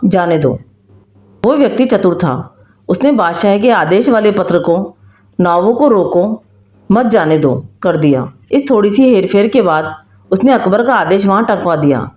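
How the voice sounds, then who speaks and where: A woman tells folk tales in steady, measured storybook narration. Her voice sits at a middle pitch. The recording sounds roomy and slightly dull.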